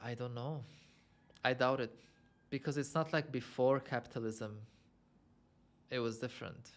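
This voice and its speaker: A young Lebanese man with a mid-range voice talks at normal speed while hosting a casual livestream. He answers viewer questions in a chatty, self-amused manner, thinking out loud and using lots of fillers.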